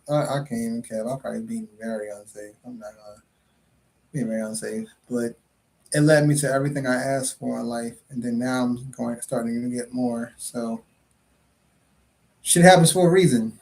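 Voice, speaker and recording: A man's voice: mid-range voice, flat delivery, a little fast, vocal fry, darkish tone. A man hosting his own podcast livestream, talking loosely and jokingly in casual chat and swearing freely. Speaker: podcast host and comedian.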